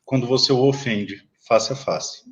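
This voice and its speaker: A Brazilian lawyer in a heated political live chat, blunt and combative, swearing at viewers. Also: male voice, medium pitch, normal speed, fairly bright tone, dull audio. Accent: Brazilian Portuguese. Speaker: lawyer, live stream guest.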